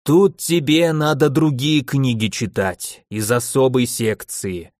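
A man voicing an ancient, irritable archmage who speaks in a slow, drawn-out growl in an audiobook. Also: on the high side, lively intonation, no echo, clean studio sound. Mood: musing. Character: ancient irritable male archmage, stern and grumpy.

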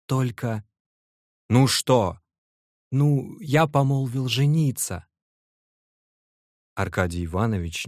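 A male audiobook narrator reads classic prose in a low, measured voice. He tells the story evenly and steadily. The sound is close and dry. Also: darkish tone, no room sound. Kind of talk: literary narration.

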